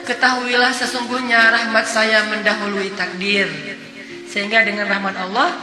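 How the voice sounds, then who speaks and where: A man giving a casual, lively sermon, telling stories and playfully acting out the dialogue. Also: sits high. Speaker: preacher. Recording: echoey hall with music behind.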